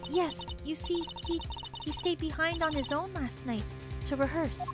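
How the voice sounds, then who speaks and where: A timid young woman who stammers and hesitates, as a woman acts her out. Her voice is high and soft. Game music plays behind her. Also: unhurried. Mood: nervous. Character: timid, nervous young woman on a film set.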